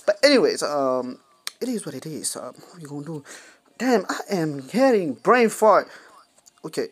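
A young man hosting a casual music-app tutorial, rambling with lots of fillers and slang. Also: mid-range voice. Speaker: music production tutorial host. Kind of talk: casual screen-recorded tutorial.

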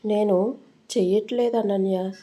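A woman voicing a secretive 55-year-old mother-in-law in a spoken story, with sharp, fearful lines. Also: mid-range voice, steady tone, measured pace, natural voice. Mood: tense.

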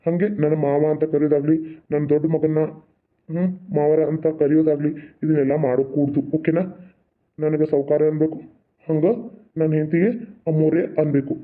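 A man's voice: fairly high pitch, flat delivery, a little fast, narrow, tinny audio, close to an everyday voice. A man voicing a stern, wealthy father-in-law in a cartoon, laying down rules in a commanding, condescending way.

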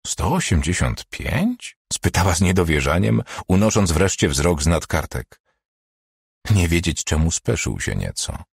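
Deep husky male audiobook narrator. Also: animated, moderate pace, no room sound, studio quality. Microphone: studio microphone, close.

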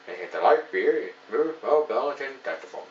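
A man in his thirties from Ontario, Canada, reviews a beer at home in a small room lined with shelves of beer, rambling enthusiastically with lots of "you know" fillers. His medium-pitched voice has lively intonation and a slightly fast pace. He sits far from the mic in a reverberant, lo-fi recording with slight background noise.

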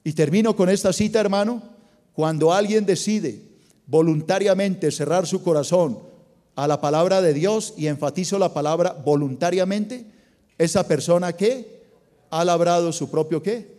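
Colombian pastor preaching in an echoing hall. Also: male voice, high voice, normal speed, dark tone. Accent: Colombian Spanish. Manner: preaching with rhetorical questions to the congregation. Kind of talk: sermon. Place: large church auditorium. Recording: long hall reverb.

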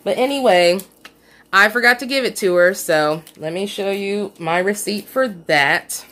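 A woman's voice: medium pitch, measured pace, a bit bright. A woman casually walking through her store haul on a phone camera at home, chatty and a little self-scolding. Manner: chatty, self-scolding about a missed coupon. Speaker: couponing vlogger. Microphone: phone camera, off screen.

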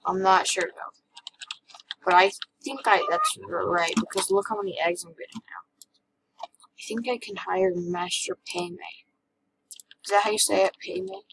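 A woman's voice: mid-range voice, very animated, moderate pace, vocal fry, pauses often. A young girl hosting her own gaming channel, thinking aloud as she plays at a home computer. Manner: chatty, thinking aloud while playing. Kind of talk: casual gameplay commentary. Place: indoors at a computer. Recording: noisy home recording with keyboard clicks.

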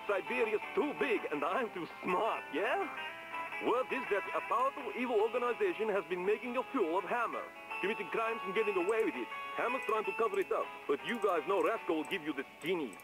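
An actor playing a boastful male pirate radio DJ with a put-on Russian accent, heard as a broadcast over loud music. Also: sits high, lively intonation, a little fast, rough recording. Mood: cocky. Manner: cocky, boastful.

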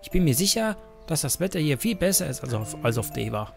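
A man's voice: fairly high pitch, sing-song, fairly quick, creaky, music in the background, pitched above the performer's own voice. A man voicing a stubborn, eager young girl heroine in a game, reading her lines in a pleading, insistent way. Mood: upbeat.

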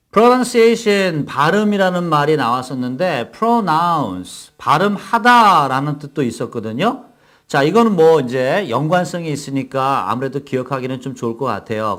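A man teaching English phrases to Korean learners, explaining in Korean and modeling each phrase slowly and clearly for repetition. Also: fairly high pitch. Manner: slow, carefully enunciated English model phrases between brisk explanations. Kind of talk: language lesson with repeat-after-me drills.

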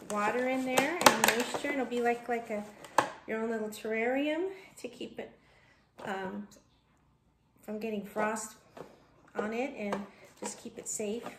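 A woman in her thirties chatting casually as she works at her kitchen counter, thinking aloud with ums and restarts, recorded on a camera across the counter. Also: a little high. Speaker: homesteading vlogger. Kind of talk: casual how-to narration. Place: home kitchen, indoors. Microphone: fixed camera across the counter. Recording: echoey kitchen with background noise.

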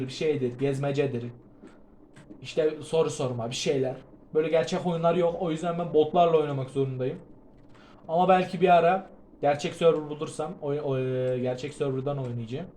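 A man giving gameplay commentary, excitable and prone to panicked shouting, tired from fasting, with a sore throat. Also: a little high, slight background noise. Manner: excitable, shouts and yelps in panic, then drops to muttering. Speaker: gaming video creator.

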